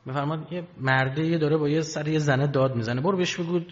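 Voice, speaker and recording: A man preaching a sermon from the pulpit, telling stories with dramatic swings in loudness and pitch. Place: hall with pulpit. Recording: dull lo-fi sound, long hall reverb.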